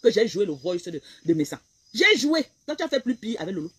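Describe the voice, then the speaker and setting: A woman's voice: medium pitch, sing-song, brisk, fairly bright tone, husky, rough recording. A woman blogger, delivering a heated, repetitive, confrontational rant on a live stream.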